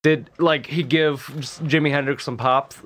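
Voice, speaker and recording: A man's voice: fairly high pitch, fairly even intonation, moderate pace, a bit bright. A man co-hosting a podcast with casual, joking, profane banter, pronouncing his r sounds like w. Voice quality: says w for r. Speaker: podcast co-host.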